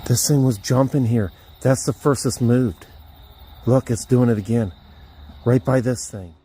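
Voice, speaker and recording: Slow-talking shaken ghost hunter, man. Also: medium pitch, fairly even intonation, mellow, a little hiss or hum. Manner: shaken, exclaiming, talks to viewers. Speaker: paranormal investigator. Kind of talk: handheld ghost-hunting vlog. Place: outdoors at night by crypts.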